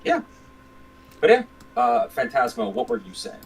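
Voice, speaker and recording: A man's voice: mid-range voice, wildly swooping pitch, a little slow, creaky, breathy edge, rough recording. A man running a tabletop game as game master, narrating scenes with many fillers and restarts.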